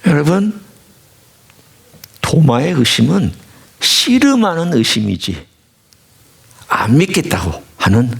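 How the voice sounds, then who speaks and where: A man's voice: on the high side, very animated, slow, vocal fry, pauses often. A male pastor giving a sermon in a church, preaching with animation and putting questions directly to the congregation. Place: church sanctuary.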